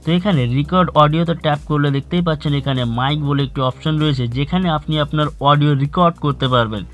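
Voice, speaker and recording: Speaking quickly in a fairly high voice, a tech channel host narrates an online video tutorial over a music bed. He addresses viewers as friends, instructing them directly.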